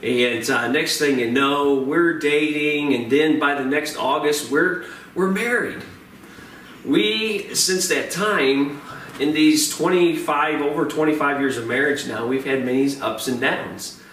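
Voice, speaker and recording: A man in his forties preaching a sermon as pastor, talking in a halting way, often repeating words and filling pauses with uh. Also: fairly high pitch, fairly even intonation, a bit bright. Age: 40s. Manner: hesitant, repeats words and fills with uh. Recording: roomy, distant mic with faint noise.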